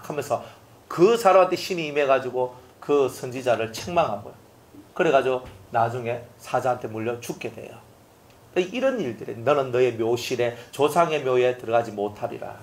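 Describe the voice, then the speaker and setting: A male pastor preaching a sermon, telling stories and acting out the lines of the people in them. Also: mid-range voice. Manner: storytelling, acting out quoted lines.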